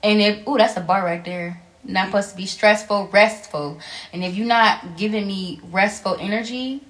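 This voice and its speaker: A woman in her late twenties co-hosting a podcast, talking loudly and projecting her voice in casual, joking chat. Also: medium pitch, moderate pace. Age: late 20s. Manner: loud, projecting voice; playful, bursts into song. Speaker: podcast co-host.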